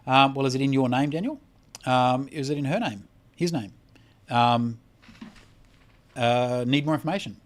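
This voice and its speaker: With a mid-range voice at a moderate pace and frequent pauses, a tired Australian man reads chat comments on his casual credit repair livestream. His replies are blunt and full of swearing.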